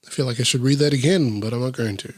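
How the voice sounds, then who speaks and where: A man reading a children's book aloud, breaking off for deadpan, sarcastic and sweary asides. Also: medium pitch, fast, dry recording, clean studio sound.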